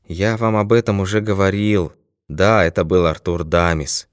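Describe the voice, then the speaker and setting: A man reading an audiobook, voicing a hoarse, blustering male villain who raises his voice in indignation. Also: deep voice, steady tone, normal speed, dry recording, clean studio sound, natural voice.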